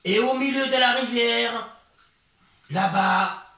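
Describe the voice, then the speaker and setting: A man voicing a falsely friendly, scheming male crocodile in a children's tale, with high coaxing questions and low, slow murmured promises. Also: sharp tone, full character voice. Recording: echoey room from far off.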